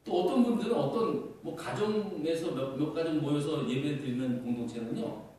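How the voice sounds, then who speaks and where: Korean pastor guy preaching, kinda high voice, super echoey church. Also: normal speed, warm tone. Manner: earnest preaching with rhetorical questions and fillers. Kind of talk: sermon. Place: church sanctuary. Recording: echoey church hall, far from mic.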